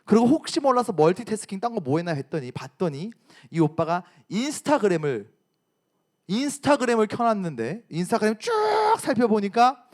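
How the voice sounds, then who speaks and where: Animated young male youth preacher. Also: high-pitched. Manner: animated storytelling, asks the audience questions. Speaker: youth pastor. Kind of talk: lively sermon to high schoolers. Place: church service.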